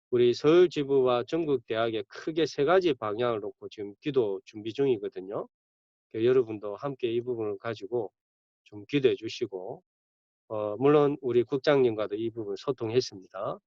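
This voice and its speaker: A male campus ministry pastor delivers a sermon in a conversational way, breaking into sudden bursts of emphasis. His voice is medium-pitched, and the recording is dull, dry, lo-fi, and echo-free.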